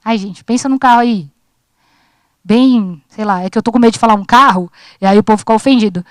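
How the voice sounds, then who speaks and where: A woman's voice: a little high, brisk, dry recording. A woman in her thirties giving an informal sermon at a church service, chatty and joking, acting out her own talks with God. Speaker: preacher at a church youth service.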